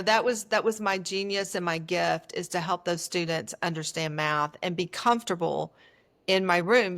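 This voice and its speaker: A woman with a medium-pitched voice speaks as a coach being interviewed. She talks earnestly and emphatically, laying out her points in short statements and lists, in a conversational storytelling way. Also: fairly bright tone. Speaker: etiquette coach.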